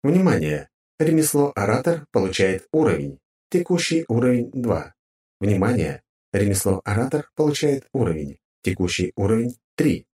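Brief: male narrator voicing a formal system announcer, low and dark, lively inflection. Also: normal speed. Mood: announcing. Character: game-world system notice voice. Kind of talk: audiobook character voice.

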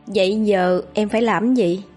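A woman's voice: medium pitch, steady tone, normal speed, a little mellow, soft background music, natural voice. A woman voicing a frightened young woman in her twenties who speaks timidly and trembling.

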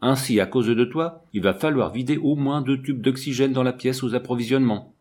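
A man's voice: medium pitch, a little fast, a little mellow, slightly rough, close to an everyday voice. A man reading the lines of a curt, irritable old male scientist in an audiobook, scolding sharply. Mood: angry.

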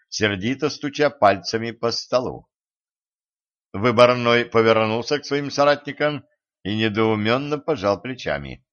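A man narrating an audiobook with animated storytelling. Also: lowish voice. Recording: muffled lo-fi recording.

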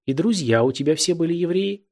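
A man's voice: on the high side, lively intonation, a little fast, dark tone, pitched above the performer's own voice. Man doing a sly, mocking young schoolmate. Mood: probing. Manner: mocking, insinuating, laughs a lot.

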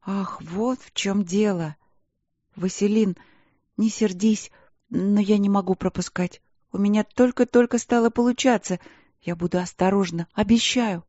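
A woman's voice: medium pitch, a little slow, mellow, no room sound, highs cut off, pitched above the performer's own voice, close to an everyday voice. A woman voicing a stubborn, tearful young princess who pleads and stammers through her sobs. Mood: pleading.

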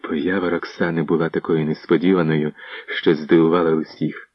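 A man's voice: extremely low pitch, level tone, normal speed, no echo. A man narrating a historical novel as an audiobook, telling the story steadily. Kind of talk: scripted narration. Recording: dull lo-fi recording.

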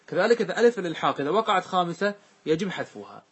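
A man teaches an Arabic grammar poem in class with a high-pitched, expressive, slightly rough voice delivered rapid-fire. He patiently repeats examples and checks on his students' understanding.

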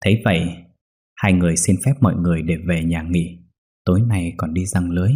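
Man, ghost story narrator, deep voice, mellow tone. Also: steady tone, fairly quick, breathy edge.

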